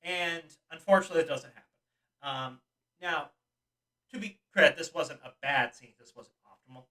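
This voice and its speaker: A man's voice: fairly high pitch, moderate pace, bright, forceful tone, recorded from a distance, low-quality recording. A young man co-hosting a podcast, recapping a movie in casual chat with lots of ums and laughs. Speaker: podcast co-host.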